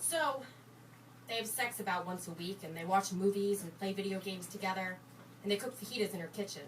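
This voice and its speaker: A sardonic young woman, jaded about romance, played by an actress in a stage monologue, talks in a dry, deadpan way with a bitter edge. Her voice sits at a middling pitch for a woman. It is picked up from a distance over a steady layer of background noise. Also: a little fast, natural voice. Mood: wry. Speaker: stage actor performing a monologue. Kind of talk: theatrical monologue. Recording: distant mic, noisy background.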